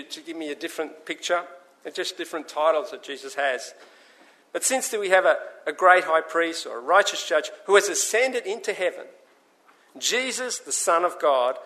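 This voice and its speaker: Bright-voiced man preaching. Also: on the high side. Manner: earnest, acts out voices in the stories. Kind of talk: sermon.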